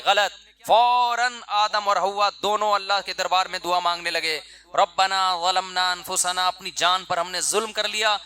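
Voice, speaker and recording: A middle-aged male preacher talking to his listeners in a loose, conversational way. His voice sits high for a man and rings bright and forceful. He breaks into short acted quotes of ordinary people. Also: clear, resonant tone. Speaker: Islamic preacher. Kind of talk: sermon.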